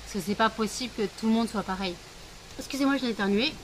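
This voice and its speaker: A woman's voice: on the high side, fast talker, noisy background. Chatty woman cooing to her pets. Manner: coos baby talk to frightened pets. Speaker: vlogger. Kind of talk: casual home vlog. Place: home, rain heard outside.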